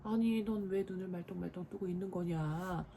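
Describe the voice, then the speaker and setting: A woman voicing a father who speaks low and soothingly to his children at bedtime in a storybook. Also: normal speed, vocal fry, mellow, a little hiss or hum. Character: gentle playful father at bedtime.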